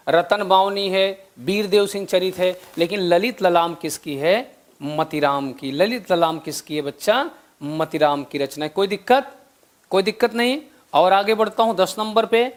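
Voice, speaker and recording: A young man with a high voice teaches a live online exam-prep class. He quizzes his students, repeats each answer and drops chatty asides between questions.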